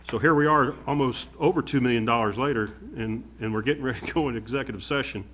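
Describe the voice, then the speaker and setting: A man speaking off the cuff as a commissioner at a public meeting, halting and plainspoken. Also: mid-range voice, fairly bright tone, a little hiss or hum. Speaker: county commissioner. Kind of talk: spontaneous remarks at a public meeting.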